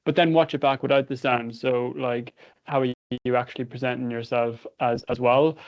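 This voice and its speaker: A man's voice: mid-range voice, steady tone, moderate pace, highs cut off. Droll Irish man with a Cavan midlands accent. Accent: Irish, County Cavan midlands. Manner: droll, hesitant delivery. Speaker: webinar host. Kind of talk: casual webinar moderating.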